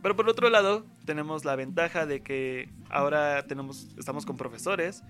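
This young man's voice sits on the high side with a fairly bright tone, at normal speed over soft background music. He's a Mexican-accented university student in casual conversation. He rambles, speaks slangily, and acts out others' words.

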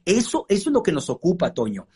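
A man who is a pastor, retelling a Bible story in a lively conversational way with joking asides. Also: high-pitched, fast talker, husky.

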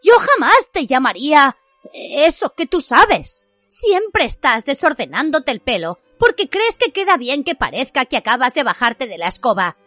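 A fiery young witch with a raised, lively voice that swings up and down as she snaps back, scornful and defiant, as a woman reading a storybook puts her on. Each retort comes out sharp and indignant, over a faint bed of music in a dry, close recording. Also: high-pitched, moderate pace, dry recording, voice pushed up, heavily acted.

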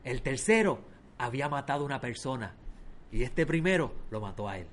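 A man voicing a calm, patient male rabbi in a low, soothing voice. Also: brisk, a little hiss or hum.

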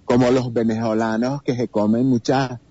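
Guesting on a laid-back podcast interview, a Mexican-accented voice actor spins lively stories and performs the lines of the people he quotes. He speaks at a normal speed with a husky, medium-pitched voice, in a dry recording with the highs cut off.

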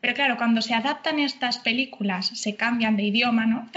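Woman interviewer, fairly high voice, friendly, lo-fi recording. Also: normal speed, pushed and bright. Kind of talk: conversational interview.

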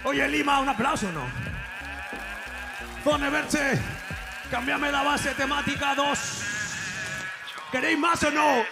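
A man hosting a live rap battle, hyping the crowd with loud, drawn-out shouts. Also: very high voice, vocal fry, over loud music. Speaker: battle host. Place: live event hall. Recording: live crowd and loud hip hop beat. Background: loud crowd and hip hop beat.

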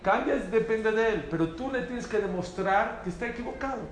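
A man teaching a lively Torah class to a small group, asking rhetorical questions and repeating phrases for emphasis. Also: high-pitched, brisk. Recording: roomy echo, faint background noise.

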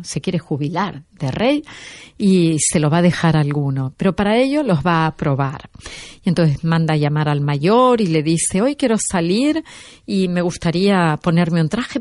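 Low-voiced woman telling stories. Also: no room sound. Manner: animated, acts out quoted dialogue. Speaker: guest expert. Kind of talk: conversational storytelling.

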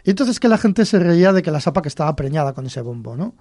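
A man with a Cantabrian accent hosts a folklore show, spinning short folk tales in a chatty, folksy manner with many chuckles. His voice is mellow and warm in tone, sitting fairly high. The recording is dry and close. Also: very animated, fast talker, no room sound. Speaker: host. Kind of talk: storytelling folklore podcast.

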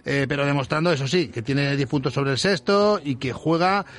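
A man's voice: a little high, moderate pace, a bit bright. A man with an accent from Spain giving a live sports news report on the radio. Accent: Spanish from Spain.

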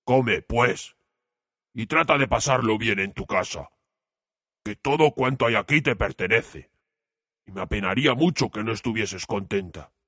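Man doing a humble storybook beast, low, husky, drawn-out lines, sorrowful and gentle. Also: dry recording, studio quality. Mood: tender, pleading. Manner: slow, heavy, pleading. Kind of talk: storybook reading.

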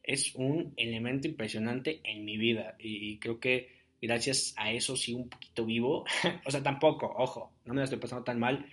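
A young man talks alone into his podcast mic. He rambles in a loose, chatty way and fills his talk with fillers. His voice sits at an ordinary middle pitch. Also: fairly even intonation, normal speed, a bit bright. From Jalisco, Mexico. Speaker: podcast host. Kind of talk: casual solo podcast monologue.

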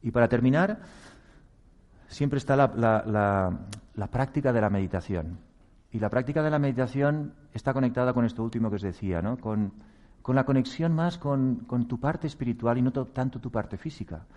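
A man gives a reflective, motivational talk on meditation. His voice is warm and mellow at a medium pitch. He speaks earnestly, chuckles at his own mistakes and slips into acted quotes. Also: moderate pace.

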